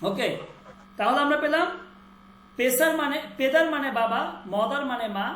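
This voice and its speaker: A woman's voice: high voice, a bit bright, slight background noise. Echoey teacher woman drilling vocabulary. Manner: drills words by repeating them slowly, quizzes students. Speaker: Persian language teacher. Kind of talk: online class lesson.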